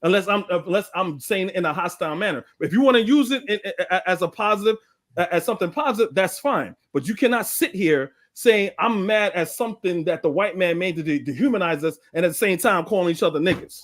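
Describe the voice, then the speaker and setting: A man's voice: high-pitched, animated, fairly quick, dry recording, clean studio sound. A young man from Guyana on a debate panel, talking emphatically and indignantly, swearing freely. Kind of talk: heated live debate.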